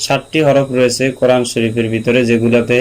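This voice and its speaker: A man teaching Quran reading, spelling out syllables slowly and repeating them patiently for learners. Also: medium pitch, clear, resonant tone, poor audio. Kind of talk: slow spelled-out recitation lesson. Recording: steady mains hum behind the voice.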